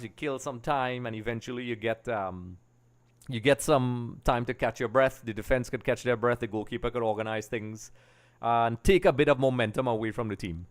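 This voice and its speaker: Speaking into a desk microphone on a boom arm, this livestream host rambles casually to viewers during a football watch-along from his small home streaming room. He's a middle-aged man from Trinidad and Tobago with a smooth, mid-range voice.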